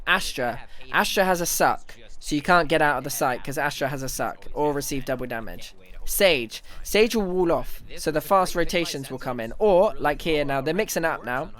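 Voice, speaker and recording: Excitable streamer on a livestream headset mic. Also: male voice, on the high side. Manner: rapid, excitable breakdown with frequent restarts. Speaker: streamer analyzing an esports match. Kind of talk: casual live analysis commentary.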